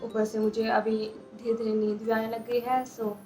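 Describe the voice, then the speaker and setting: A woman in her twenties answering viewer questions in a casual vlog, talking fast and mixing in English words, recorded on a handheld phone. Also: fairly high pitch, flat delivery, a little mellow, faint music behind. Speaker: nursing graduate vlogger. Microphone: phone held in hand.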